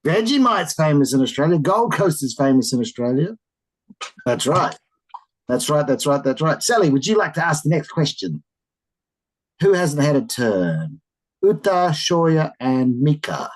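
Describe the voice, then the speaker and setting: A teacher leads a children's class over a video call. The voice is slightly husky and full of wide pitch swings. It gives big, exclaimed reactions to every answer. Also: a little slow, low-quality recording. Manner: animated, encouraging, exclaiming with surprise. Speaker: English teacher.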